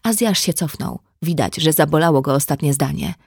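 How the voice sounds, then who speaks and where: A woman narrating an audiobook in a measured, even reading. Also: sits low, creaky, breathy edge, no echo, studio quality. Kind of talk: scripted narration.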